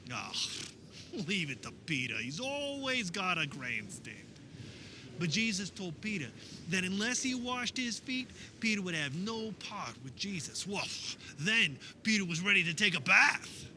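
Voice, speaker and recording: A male actor plays an earnest fisherman disciple of Jesus in a first-person religious radio-theater monologue, fondly recounting memories. His high, sing-song voice swings widely, and his conversational, wistful storytelling is amused and fond, with wondering pauses. The recording is noisy.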